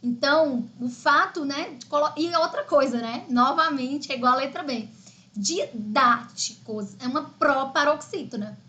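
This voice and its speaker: Brazilian woman teacher, high bright voice, chatty live-class explainer. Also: normal speed, few pauses, highs cut off. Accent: Brazilian Portuguese. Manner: chatty, explaining step by step with frequent "né?" and "tá?". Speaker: Portuguese teacher. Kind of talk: live online exam-prep lesson.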